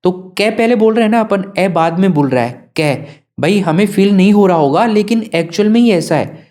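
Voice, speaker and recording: Mellow-voiced Hindi teacher. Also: male voice, sits high, lively intonation, normal speed. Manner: asks students questions and answers them himself. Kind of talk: classroom lesson.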